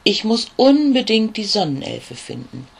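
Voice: medium pitch, big pitch swings, measured pace, creaky, slightly rough, pitched above the performer's own voice, heavily acted. A storyteller voicing a small, timid young male ladybug who asks politely and eagerly for help. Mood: pleading.

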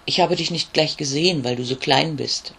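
A storyteller voicing a big, friendly male raven who croaks and speaks in a kindly, obliging way. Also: mid-range voice, normal speed, a bit bright.

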